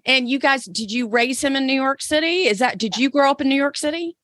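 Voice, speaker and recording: A woman's voice: high voice, brisk, a bit bright, no echo, studio quality. A woman hosting an interview, gushing and enthusiastic, firing off several questions at a time. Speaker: host, personal stylist. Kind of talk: casual interview.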